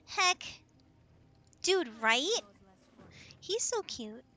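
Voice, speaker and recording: A woman streaming a video game, chatting casually and playfully with a co-host, with excited gasps. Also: very high-pitched, extremely slow. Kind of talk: casual gaming stream chat.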